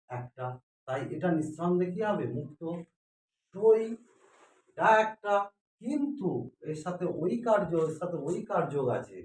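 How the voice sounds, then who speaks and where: A man teaching a grammar lesson, asking questions and then answering them himself. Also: fairly high pitch. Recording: echoey room, mic far off.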